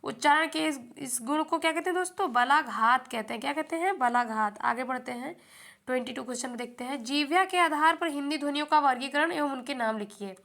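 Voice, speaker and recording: A woman's voice: high-pitched, brisk, fairly bright tone. A young woman teaching an exam-prep lesson, often repeating a question back to the viewer before answering it herself.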